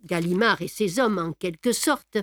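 A woman narrating a classic adventure novel aloud in a measured, expressive reading. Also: lowish voice, dry recording. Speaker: reader. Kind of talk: audiobook narration.

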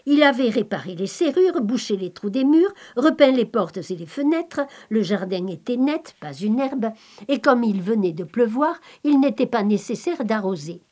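A woman reading a folk tale aloud in a calm, measured, expressive storybook manner. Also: on the high side. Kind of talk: slow storybook narration.

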